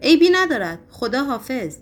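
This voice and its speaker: A woman reading a story aloud, voicing an agitated young male poet who shouts and defies those around him. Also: high-pitched, sing-song, slight background noise, pitched above the performer's own voice. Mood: defiant. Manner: shouting, frantic, defiant.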